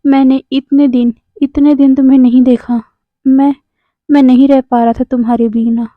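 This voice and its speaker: A woman voicing a pleading, earnest young man in love, who talks haltingly and repeats his words. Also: sits high, level tone, dry recording, close to an everyday voice. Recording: dry, tinny phone-like sound.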